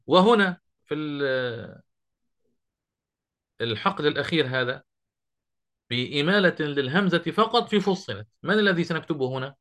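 Male teacher, middle-aged, bright higher voice, classroom quizzing style, slows down to quote verse. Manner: questioning students, drawn-out quoting of verse. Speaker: Quran recitation teacher. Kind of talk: classroom lesson.

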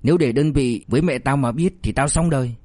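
A man's voice: mid-range voice, brisk, mellow, no room sound, natural voice. A man voicing a fat, cowardly male buddy who whines, pleads and turns cheeky. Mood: whining pleading.

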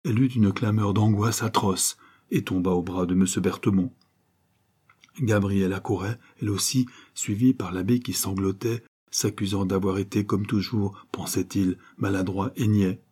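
A man reading a nineteenth-century novel aloud in a measured, dramatic way, lifting his voice for the quoted cries. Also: fairly low pitch, steady tone, a little mellow, husky. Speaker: audiobook reader. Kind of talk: scripted narration of a novel.

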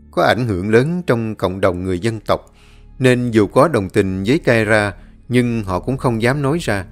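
Male storyteller with soft music. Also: lowish voice. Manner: dramatic, measured reading. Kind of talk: scripted story narration.

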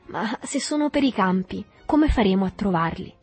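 A woman's voice: medium pitch, animated, moderate pace, darkish tone, breathy edge, dry recording, soft background music. A woman voicing an anxious, eager thirteen-year-old boy who asks questions in a raised, keen voice.

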